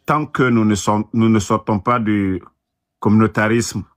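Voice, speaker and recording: Earnest halting man on a panel. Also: lowish voice, steady tone. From Guinea. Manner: earnest, halting, many restarts. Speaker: panel guest. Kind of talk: political panel talk.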